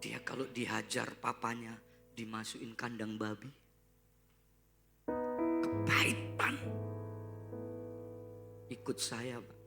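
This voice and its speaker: A male pastor preaching a sermon in a church, swinging from loud shouts to hushed whispers. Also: lowish voice, creaky. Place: church hall. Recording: live church sermon with guitar. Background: guitar music.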